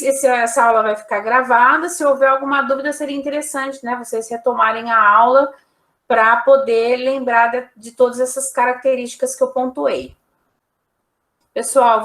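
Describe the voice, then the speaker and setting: Woman teacher lecturing online, high voice, kinda echoey room, keeps checking "right?" as she goes. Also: a bit bright. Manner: explanatory, walks through examples with frequent "né?" and "ó".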